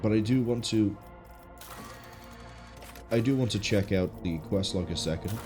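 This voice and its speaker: Congested, low-voiced man streaming a game. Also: darkish tone. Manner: musing, thinking aloud. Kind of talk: casual gameplay commentary. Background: game music.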